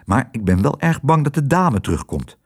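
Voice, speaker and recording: A man voicing a gentle, anxious father in a storybook, speaking low and hushed. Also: big pitch swings, normal speed, slightly rough.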